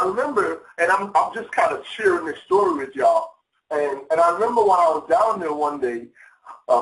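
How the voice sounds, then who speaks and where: An excited man speaks on a phone call from a home office, often repeating words and calling his listeners "y'all". His voice sits a little high. The room is echoey, and he is well back from the mic. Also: recorded from a distance. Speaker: guest speaker on a sales call. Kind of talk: enthusiastic motivational call talk. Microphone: phone or conference line.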